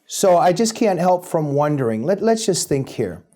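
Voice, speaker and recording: A man hosting a political commentary segment, speaking in a measured way and posing pointed rhetorical questions. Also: on the high side, big pitch swings, dark tone. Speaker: host.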